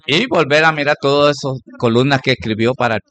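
A man's voice: mid-range voice, a little fast, fairly bright tone. A man speaking on a radio talk show, hesitating often with filler sounds and restarts. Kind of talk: spoken radio tribute.

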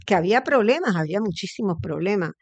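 Middle-aged woman hosting, thinks out loud with lots of ehs, dry close sound. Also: medium pitch, animated, quick pace, no echo. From Puerto Rico. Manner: reflective, thinks aloud with frequent fillers. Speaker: interview host. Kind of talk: conversational interview.

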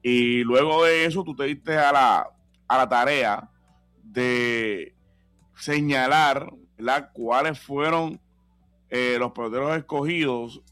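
A man's voice: medium pitch, takes it slowly, fairly bright tone, clean tone, no room sound. A man, co-hosting a baseball radio show. He talks in a loose, conversational way and often repeats himself to drive a point home. The sound is dry and close, with faint music behind him. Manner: conversational, repetitive, prompting. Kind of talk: casual sports talk.

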